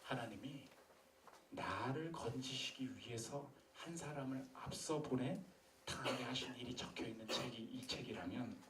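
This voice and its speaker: A man preaching a sermon, swinging from loud urgent questions to hushed, intimate tones. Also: medium pitch, normal speed, roomy sound, distant mic, noisy background. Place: church sanctuary.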